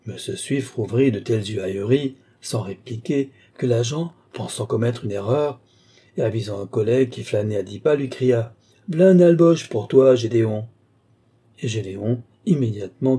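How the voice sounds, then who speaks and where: A man reading a comic short story aloud, telling it with animated storytelling and voicing the quoted characters. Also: on the low side, slightly rough. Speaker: reader.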